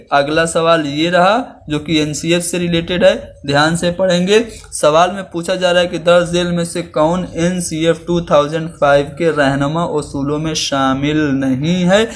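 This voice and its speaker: Male exam-prep tutor, higher voice, patient step-by-step explainer who restates terms plainly. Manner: explains each Urdu term again in plain Hindi and English; slows down to demonstrate example sentences. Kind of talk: lesson explaining exam questions.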